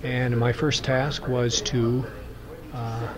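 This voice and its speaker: A man reporter, narrating his day in plain, measured words with frequent pauses. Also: mid-range voice, flat delivery, a crowd in the background. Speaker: local news reporter. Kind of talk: recorded voice-over narration.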